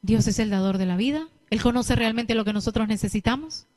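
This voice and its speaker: A young woman preacher with a Latin American Spanish accent, giving a lively sermon and acting out what people say. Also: on the high side, brisk. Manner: lively storytelling, acting out quotes.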